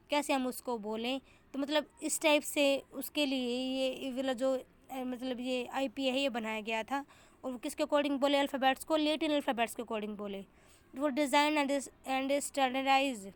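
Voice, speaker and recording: High, smooth-voiced woman tutoring. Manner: repeats and restarts while explaining, mixing Hindi with English terms. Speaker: exam tutor. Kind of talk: casual explanatory lesson.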